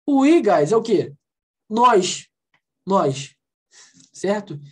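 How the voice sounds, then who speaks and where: Casting: woman from Brazil, English teacher on a video call, animated pitch, a bit husky, coaxing the class. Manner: lively, coaxing, asks the class questions and drills phrases slowly. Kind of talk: online class explanation.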